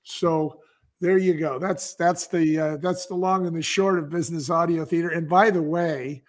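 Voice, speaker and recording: This man is a podcast guest and business founder spinning business stories in a casual interview, selling them with enthusiasm. He talks at a normal speed, his pitch fairly high and his intonation fairly even.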